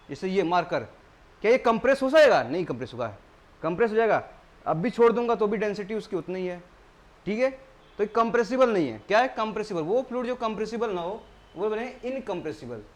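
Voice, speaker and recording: This male tutor. He gives an exam-prep lecture in a steady classroom style. He keeps asking the class questions, answers them himself, and repeats each key term. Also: high-pitched. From India.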